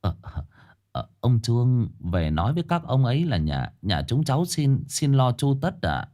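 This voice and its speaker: A man voicing a frightened, poor older peasant farmer who speaks softly and stammers. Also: mid-range voice, very animated, normal speed, lightly acted. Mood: fearful pleading. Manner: soft, hesitant, stammering, deferential.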